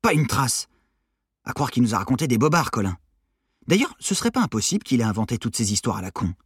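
A man reading an audiobook, voicing a restless, foul-mouthed teenage boy with crude slang and a pushy, excitable way of talking. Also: mid-range voice, fast talker, breathy edge, no echo, clean studio sound. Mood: suspicious.

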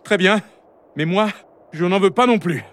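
A man's voice: high-pitched, expressive, unhurried, a little hiss or hum, voice pushed up. A man reading a children's story, voicing a bold, stubborn youngster in a raised, insistent voice.

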